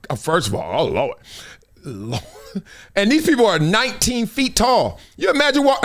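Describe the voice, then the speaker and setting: A man's voice: on the high side, fairly bright tone. A middle-aged man with an American accent, hosting a show with casual, slangy, joking commentary and storytelling. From United States, South Central Los Angeles. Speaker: show host.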